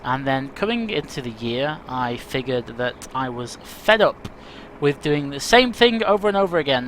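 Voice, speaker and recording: A man's voice: mid-range voice, fairly bright tone. A man hosting his flight simulator video, talking casually to viewers in a chatty, self-deprecating, rambling way. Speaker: flight sim video host. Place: home room with rain and birds heard outside. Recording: faint rain and outdoor noise behind. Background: rain and birdsong.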